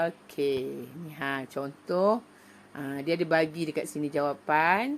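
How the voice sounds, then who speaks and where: A middle-aged woman with a Malaysian Malay accent, a primary school teacher patiently explaining an online lesson step by step, reciting poems slowly and loudly. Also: sits low, a little hiss or hum. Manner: patient, explaining step by step with many "okey" fillers; slow, loud, emphatic when reciting poems. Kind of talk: online lesson for young pupils.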